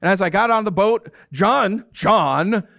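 A man's voice: sits high, a little slow, gravelly, dry recording. Man preaching in character, dramatic monologue. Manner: storytelling in character, swinging from hushed to exasperated. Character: the apostle Peter telling his own story. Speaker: pastor. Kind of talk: dramatic first-person sermon.

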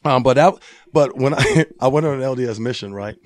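A man's voice: mid-range voice, brisk. A man in his forties from Liberia, a boxing gym owner telling stories in a casual interview and laughing often, recorded in a gym. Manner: laughing, animated storyteller.

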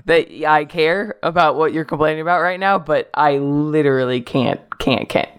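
A woman's voice: low-pitched, moderate pace, smooth. Chatty woman podcast host, lots of fillers. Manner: chatty, laughs often, frequent "like" fillers. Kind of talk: casual podcast chat.

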